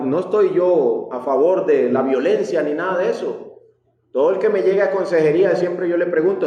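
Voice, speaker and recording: A pastor with a high voice preaches with energy and acts out little dialogues with God and his congregation. He sounds like a middle-aged man. The sound comes from a distance and rings in the church hall. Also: darkish tone, lo-fi sound. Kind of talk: sermon. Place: church sanctuary. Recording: echoey church hall from far off.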